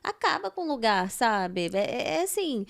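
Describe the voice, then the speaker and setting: A Brazilian woman podcast host with a Brazilian Portuguese accent, telling a story in a lively, dramatic way with quick asides. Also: a little high, gravelly. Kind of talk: animated storytelling chat.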